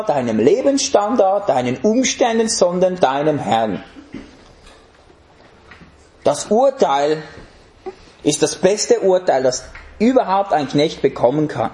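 A man's voice: high voice, mellow, echoey room. A man preaching a sermon in an emphatic way, putting rhetorical questions to the congregation.

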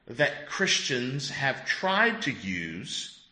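Pastor, 50s male, lively and bright, conversational, echoey room. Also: mid-range voice, very slow. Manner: conversational, asks the group questions, chuckles. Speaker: pastor teaching a class. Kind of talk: interactive Bible teaching.

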